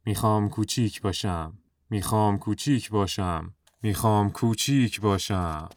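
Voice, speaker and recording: A woman voicing a wise old male kangaroo wizard in a children's audio story, speaking slowly in a lowered voice. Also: darkish tone, no echo. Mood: gentle, solemn. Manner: slow, deep put-on voice.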